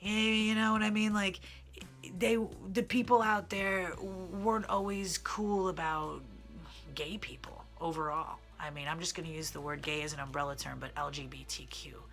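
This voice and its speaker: Here the transgender vlogger and singer, a Midwesterner in his 30s, talks at a moderate pace with fairly even intonation. His high-pitched, feminine-sounding voice is gravelly and a bit bright, and faint music sits behind his candid, filler-heavy, wandering storytelling to camera.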